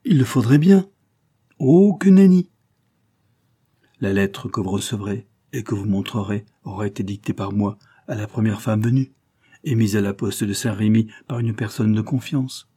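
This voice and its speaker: A man's voice: fairly low pitch, normal speed, husky. A man reading an audiobook, voicing a scheming, coldly polite marquis who sneers and presses his threats. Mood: menacing. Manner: sneering, insistent, rising to forceful outbursts.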